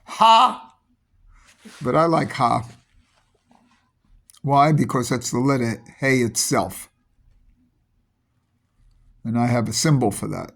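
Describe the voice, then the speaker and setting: A man giving a rambling spoken teaching on mysticism, halting often with restarts and repeated words. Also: mid-range voice, creaky.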